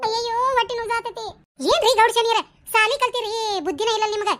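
A woman voicing bickering village women in a cartoon, talking in quick bantering dialect with a North Karnataka Kannada accent. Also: very high-pitched, little pitch movement, crowd noise. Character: bickering village women, a landlady and her helpers. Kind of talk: cartoon voice acting.

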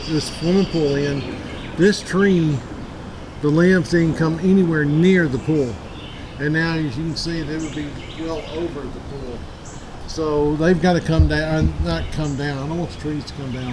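A man's voice: fairly high pitch, noisy background. A man in his forties giving a rambling, plainspoken tour of his backyard, recorded outdoors on a handheld camera. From Middle Tennessee. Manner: rambling and plainspoken, self-correcting. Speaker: outdoors channel host. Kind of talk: casual walkthrough vlog.

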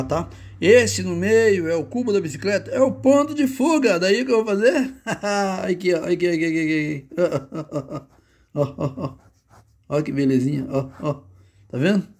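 A man's voice: a little high, gravelly, a little mellow, breathy edge. A man with a Brazilian Portuguese accent gives a casual, chatty drawing lesson. He talks to himself as he draws and records on a handheld phone. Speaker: drawing teacher.

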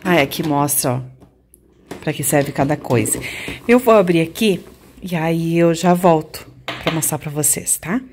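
A woman's voice: deep voice, a little slow. A woman in her forties filming a casual unboxing vlog in her home kitchen, chatting to her viewers. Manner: chatty, addresses viewers as "gente". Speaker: home vlogger. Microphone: handheld phone camera.

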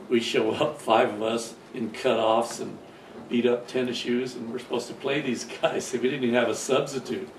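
An older man reminisces about his past in a loose, rambling way, often restarting his sentences and chuckling, and he gets louder on the funny bits. He sounds far from the microphone in an echoey room, with steady background noise. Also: medium pitch. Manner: gets loud and lively on funny parts. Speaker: father telling his life stories. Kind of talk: casual reminiscing storytelling.

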